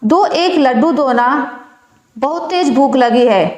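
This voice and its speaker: A woman voicing a sad little girl who pleads softly. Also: high-pitched, lively intonation, slow pace. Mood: plaintive. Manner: pleading, plaintive. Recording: echoey room.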